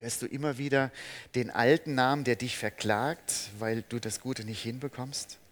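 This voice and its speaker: A man preaching a sermon, earnest, asking his listeners direct questions, swinging between emphatic peaks and soft, slow passages. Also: medium pitch, steady tone.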